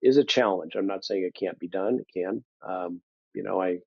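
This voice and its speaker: A man's voice: deep voice, moderate pace, vocal fry, slightly rough, no room sound. An older man, a business leader, answering interview questions in a thoughtful, conversational way, with dry humor and frequent ums. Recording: dull, dry lo-fi sound.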